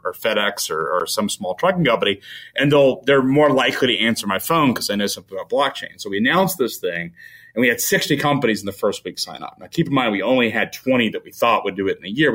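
A man's voice: lowish voice, fairly bright tone. A man answering interview questions as a company founder, rambling with frequent restarts and fillers.

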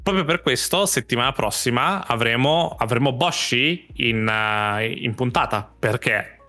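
Guy on a gaming podcast, bright clear voice, rambles and restarts a lot, swears casually. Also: mid-range voice, measured pace. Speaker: podcast co-host. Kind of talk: casual chat about video games.

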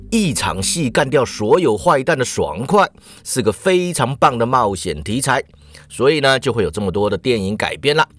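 Male podcast host, casual myth storyteller, animated pitch, playful asides. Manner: lively, chatty, with playful asides. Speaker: podcast host retelling myths.

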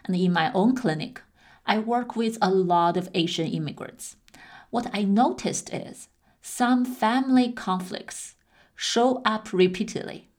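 A woman podcast host with a mid-range voice, speaking in a measured, clear way. She sets up the topic and leads the interview with an explanatory tone. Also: medium pitch, a little mellow. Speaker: podcast host, clinical psychologist. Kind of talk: scripted podcast intro and interview.

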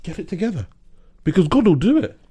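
A man co-hosts a casual chat, animated and laughing often, driving his points home with a preacher's emphasis. His voice sits high and moves fast, with a breathy edge.

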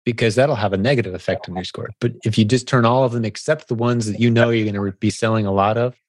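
A man hosting a live video-call Q&A, relaxed and encouraging, calling people buddy and man. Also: fairly low pitch, quick pace, no echo. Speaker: podcast host answering seller questions.

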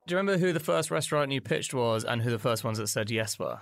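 A man interviews his guest at a brisk clip, asking questions and throwing in short teasing asides. His pitch sits in the middle of the range, and he keeps the tone casual. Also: animated, creaky. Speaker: podcast host, interviewer.

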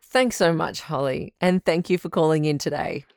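A woman playing a smooth radio host. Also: sits low, darkish tone, no echo, clean studio sound. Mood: calm, welcoming. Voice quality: smooth, measured and reassuring. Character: smooth female radio advice-show host. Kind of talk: scripted radio call-in drama.

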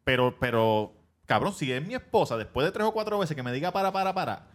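A man's voice: mid-range voice, fairly quick. A man, co-hosting a casual podcast and reading out a listener's letter with jokes. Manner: joking, lively, swears casually. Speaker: podcast co-host.

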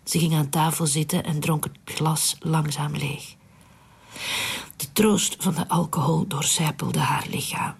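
A narrator reading a literary story aloud in a hushed, unvoiced whisper, in a whispered storytelling style. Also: mid-range voice, vocal fry, husky.

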